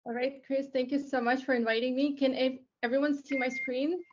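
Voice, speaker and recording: A fairly high-voiced woman from Lithuania presents her tech company in a relaxed webinar, talking chattily with frequent fillers and restarts. The sound comes over a video call and is a little dull. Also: a little fast, background noise. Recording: slightly dull online call audio.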